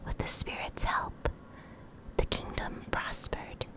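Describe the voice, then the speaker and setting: A woman reading in a soft, breathy whisper for ASMR, in short deliberate phrases with pauses, close to the microphone. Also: poor audio. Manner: slow, deliberate, pausing between short phrases. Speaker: ASMR video creator reading game lore. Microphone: Blue Yeti desktop microphone, close up.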